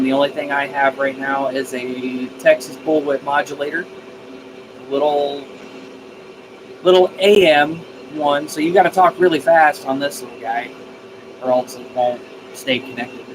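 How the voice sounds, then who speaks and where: A radio hobbyist chats casually on a live stream, replying to viewer comments and repeating phrases as he thinks out loud. His medium-pitched voice is fairly even and unhurried, with noise in the background.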